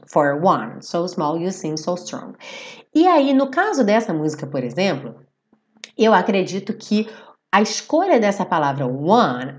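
A woman teaching English in a live online class. She explains grammar patiently, checks in with her viewers often, and reads song lyrics slowly and deliberately. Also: mid-range voice. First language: Portuguese. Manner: explanatory, checks in with "certo?" and "tá bem?". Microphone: computer setup with phone beside.

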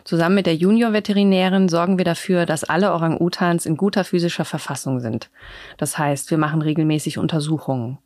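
A woman's voice: lowish voice, fairly even intonation, fast talker, a little mellow, no room sound. A woman reading a scripted voice-over translation of an interviewee's answers.

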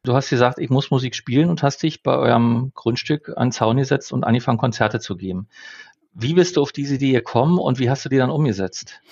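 Husky guy doing the interview, sums things up slowly, kinda muffled recording. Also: medium pitch, darkish tone. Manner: measured, summarizing and probing. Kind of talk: interview questions.

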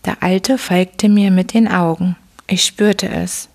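A woman hosting a sleep podcast, reading a bedtime story aloud in a soft, slow, whispery voice. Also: lowish voice, fairly even intonation, creaky.

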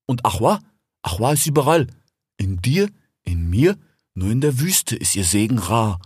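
A man voicing a smooth-talking male desert fox in a storybook, chatty and persuasive, ending his sentences with little tag questions. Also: on the low side, very animated, a little slow, darkish tone, no echo, studio quality, exaggerated voice. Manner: chatty, keeps tagging "ja?" and "ich schwör". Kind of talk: audiobook character voice.

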